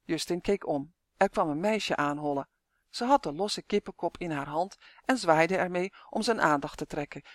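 A lively audiobook narrator reading a children's fantasy tale. The reading is expressive, at a middle pitch. The recording is dry and close, with no room sound. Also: normal speed, dry recording. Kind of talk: scripted storybook narration.

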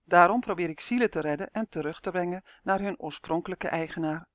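A reader voicing Chance, a calm, wise woman who patiently explains souls, in an audiobook, recorded dry and close. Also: medium pitch, brisk, no echo, close to an everyday voice. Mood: explaining. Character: calm wise female soul-rescuer explaining. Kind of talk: audiobook character voice.

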